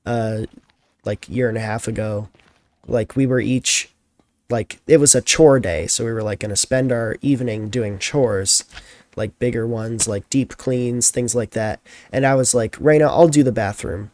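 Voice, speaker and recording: A man's voice: medium pitch, steady tone, a little slow, a little mellow. A tired young man chatting casually as a streamer, telling a rambling story full of fillers.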